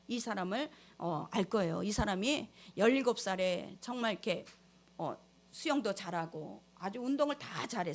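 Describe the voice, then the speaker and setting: A woman pastor delivering a sermon, speaking straight to her congregation and swinging between loud exhortation and quiet storytelling. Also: mid-range voice. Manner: addresses the congregation directly.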